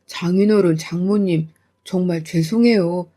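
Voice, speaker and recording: A woman voicing a timid young husband who pleads meekly in a lowered voice. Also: a little slow, dark tone. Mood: pleading. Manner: low, meek, pleading.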